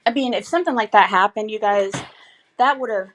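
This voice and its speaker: A woman's voice: medium pitch, a little fast, fairly bright tone, slight background noise, poor audio. A woman chatting casually and bluntly to viewers on a livestream, rambling in a gossipy, sweary way.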